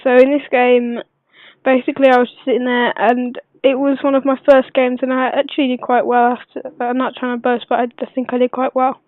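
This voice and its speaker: A woman who is unwell gives a casual gameplay tutorial voice-over, speaking quietly but clearly in a hesitant, rambling way. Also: high-pitched, flat delivery, fairly quick, no echo. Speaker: gaming video maker. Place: voice-over recorded at a computer. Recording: dull lo-fi computer recording, dry.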